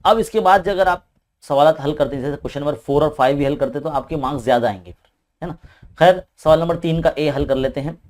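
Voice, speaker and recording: Fairly high and a bit mellow, this man's voice carries an Indian Urdu-speaking accent. A maths teacher, he works quickly through an exam paper step by step, often tossing in a questioning "hai na".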